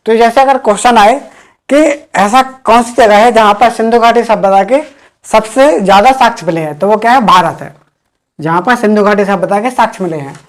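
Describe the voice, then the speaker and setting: A woman teaching an exam-prep history class, repeating key points slowly and quizzing the listeners. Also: mid-range voice.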